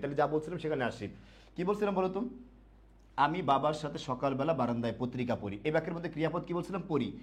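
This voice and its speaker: Speaking at a medium pitch with a darkish tone, a man teaches admission students grammar in a live online class. He asks them questions, answers himself, and repeats key words slowly.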